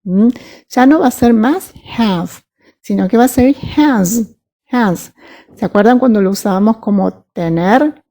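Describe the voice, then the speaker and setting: A woman teaching English grammar, patiently checking that her students follow and spelling out examples slowly. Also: fairly high pitch, mellow. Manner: patient, checks understanding with frequent "¿sí?" and "¿mm?". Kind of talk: recorded grammar lesson.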